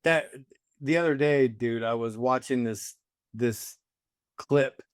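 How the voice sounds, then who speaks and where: Man in his 60s, guest, casual conversation, reflective and musing, casually profane, middle pitch, dry sound. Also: slow, clear, resonant tone, no room sound.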